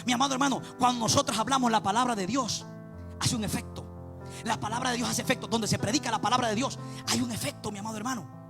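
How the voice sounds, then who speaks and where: Male preacher, very high and fast, gravelly edge, fervent sing-song sermon delivery, faint music behind. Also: steady tone. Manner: impassioned, repeats "mi amado hermano", chants some lines.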